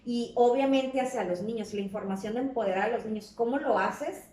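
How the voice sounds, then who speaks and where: A woman's voice: a little high, a little fast, dark tone. Chatty woman hosting, echoey room. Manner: chatty, hesitant, affirming. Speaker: talk show host. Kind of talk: interview on a talk show. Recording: roomy sound from a distance.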